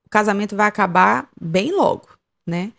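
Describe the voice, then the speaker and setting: A woman's voice: medium pitch, normal speed, vocal fry, a bit bright. A woman co-hosting a podcast, explaining marriage advice in a reflective way with examples. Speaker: podcast co-host. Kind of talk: casual advice chat.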